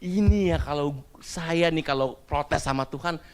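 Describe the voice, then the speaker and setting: A man's voice: a little high, unhurried. A man in his thirties preaching a casual sermon, telling stories about his small child in a chatty way and slipping in English phrases and slang.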